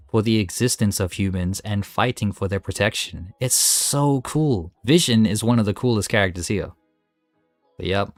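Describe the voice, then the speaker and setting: A man's voice: on the low side, dry recording. A man giving casual, enthusiastic and opinionated commentary while ranking game characters. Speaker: gaming video host. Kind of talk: casual tier-list commentary.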